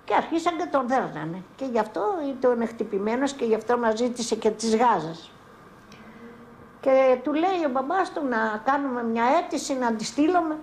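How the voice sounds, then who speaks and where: An older woman from Greece giving spoken testimony as a mother in a documentary, telling her story in halting, broken-off phrases. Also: fairly high pitch, animated, a little mellow, a little hiss or hum. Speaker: mother recounting her son's arrest. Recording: roomy archival 1982 film sound.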